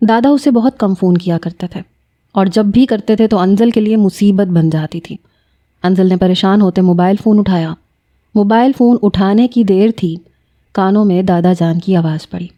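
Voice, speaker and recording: Woman narrator for an episodic romance read, mellow and steady. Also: mid-range voice. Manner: steady, dramatic storytelling. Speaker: novel narrator. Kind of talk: reading a romance novel aloud.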